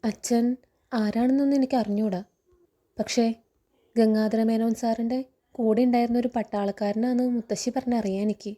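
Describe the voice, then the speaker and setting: A gentle, earnest young woman, read out by a woman in a fairly high, mellow voice. She pleads softly and sincerely. The reading stays close to plain storytelling speech. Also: fairly even intonation, normal speed, long pauses, lightly acted. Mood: earnest, pleading.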